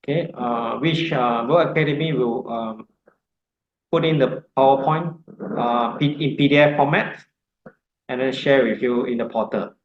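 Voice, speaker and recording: A man leading an online course orientation, talking haltingly with many ums and uhs. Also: medium pitch, roomy sound, muffled recording. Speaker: course instructor.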